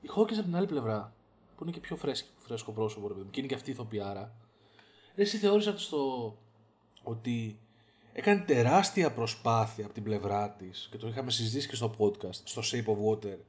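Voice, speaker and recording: A man co-hosting a podcast, talking casually, with lots of fillers and a slangy, animated manner. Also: medium pitch. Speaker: podcast co-host. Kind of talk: casual chat.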